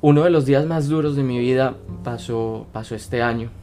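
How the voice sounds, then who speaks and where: A man's voice: mid-range voice, normal speed, dark tone, soft background music. A man hosting a casual motivational talk, speaking in an earnest, coaching way. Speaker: podcast host.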